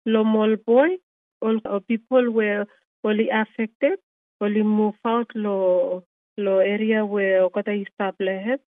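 A woman with a Vanuatu Melanesian pidgin accent speaking haltingly in a radio interview. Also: mid-range voice, no echo. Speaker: Red Cross manager. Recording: muffled lo-fi radio interview audio.

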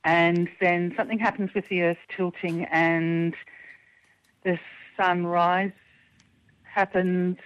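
A woman's voice: on the low side, flat delivery, slow, long pauses. Hesitant woman caller on a phone line.

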